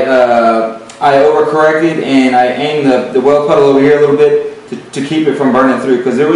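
A man teaches welding hands-on in a metal workshop, speaking plainly and often repeating words and using fillers. His slightly high voice comes through a distant mic with some hiss or hum, and the workshop is very echoey.

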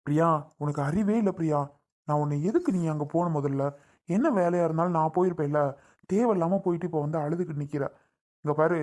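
A woman's voice: deep voice, mellow, natural voice. A woman playing a blunt, protective husband. The husband is insistent and scolding, pressing the same demands again and again. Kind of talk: family drama skit.

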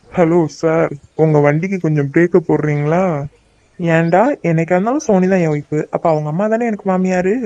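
Guy doing a joking cartoon young dude, warm tone, lo-fi sound. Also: on the high side, dry recording, natural voice. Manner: banter, joking. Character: teasing young man chatting with friend. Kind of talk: cartoon dubbing.

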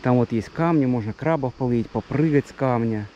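A man's voice: medium pitch, fairly quick, warm tone, lo-fi sound. Chatty male vlogger over street noise. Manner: chatty, pointing things out to viewers. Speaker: travel vlogger. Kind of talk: casual vlog narration. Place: outdoors on streets and roadsides. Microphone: handheld action camera at arm's length. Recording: clear outdoor traffic and ambient noise.

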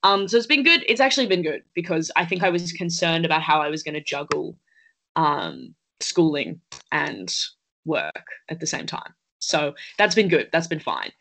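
A teenage girl from Australia, speaking from home through her laptop webcam on a video call. Her voice sits on the low side for a woman, and she talks about her acting in an earnest, chatty way, circling back with fillers as she thinks aloud. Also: big pitch swings, moderate pace, a bit bright, poor audio. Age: late teens. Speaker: actress, interview guest. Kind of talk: casual interview over video call. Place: indoors at home.

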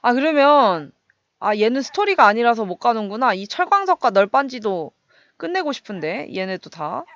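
A young woman casually commenting on her gameplay, chatty and excitable, making little sound effects as she fights. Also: a little high, moderate pace, no echo, dull audio. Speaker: game streamer.

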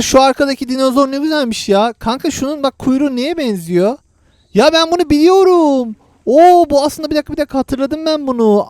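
Excitable man narrating his game. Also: very high voice, no room sound. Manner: excitable, chatty, addresses viewers as friends; slangy and teasing with a friend. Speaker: gaming channel host. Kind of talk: lets-play commentary.

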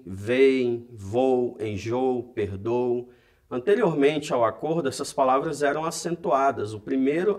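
A man from Brazil giving a recorded lesson as a teacher, explaining step by step and addressing viewers directly. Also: medium pitch. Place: educational studio.

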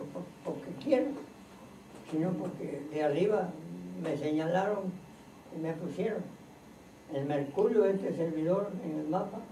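Slow-speaking man teaching in a roomy home. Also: sits high, warm tone, slight background noise. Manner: slow, earnest, preacherly with lists and repetitions. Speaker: spiritual teacher. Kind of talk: informal teaching talk to a group. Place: room in a private home. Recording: roomy, distant home recording.

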